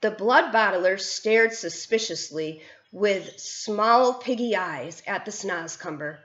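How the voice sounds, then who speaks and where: A woman's voice: mid-range voice, slow. A woman teacher reads a children's novel aloud, telling it expressively. Her voice sits mid-range and sounds roomy and slightly dull, as in a lo-fi home recording. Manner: expressive storytelling.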